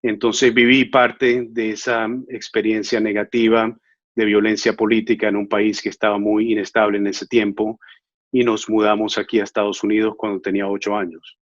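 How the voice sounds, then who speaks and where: An immigration lawyer from Venezuela in his thirties answers interview questions earnestly and in measured fashion, using lots of filler sounds. His lowish voice has a flat delivery, the audio is dull, and there's no room sound.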